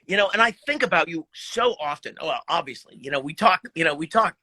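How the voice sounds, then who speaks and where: A man's voice: on the high side, fairly quick, no echo. A middle-aged man, a guest musician, telling stories in a casual live video chat and laughing often. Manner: animated, laughing storyteller.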